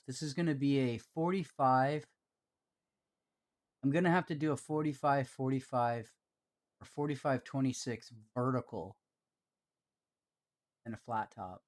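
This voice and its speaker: Canadian male streamer, casual self-deprecating build commentary, halting delivery, mid-range pitch. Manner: rambling, hesitant, self-deprecating. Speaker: live streamer.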